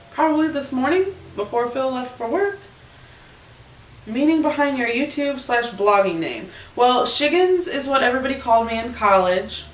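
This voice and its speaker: Young woman vlogger, giggly and rambling, mid-pitched, recorded roomy and off-mic. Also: a bit bright. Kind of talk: casual chat. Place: bedroom. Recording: echoey room, camera far off.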